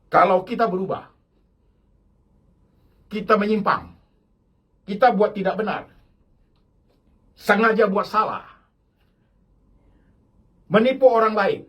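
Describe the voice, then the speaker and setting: Brief: older male pastor, high-pitched, emphatic, repetitive sermon delivery. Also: slow pace, long pauses, lo-fi sound. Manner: emphatic preaching, repeats phrases, mixes in English. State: ill with kidney disease.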